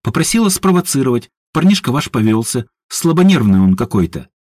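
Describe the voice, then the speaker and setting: A man voicing a calm, wry young man with an unruffled manner. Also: medium pitch, brisk, no echo, pitched above the performer's own voice.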